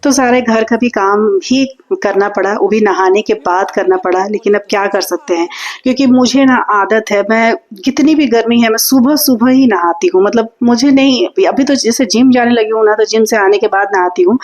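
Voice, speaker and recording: A middle-aged woman from India, hurriedly talking through her day in a rambling, chatty vlog voice-over, recorded in a quiet room. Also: on the high side. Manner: rambling, hurried chatty talk with frequent fillers. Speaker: housewife vlogger.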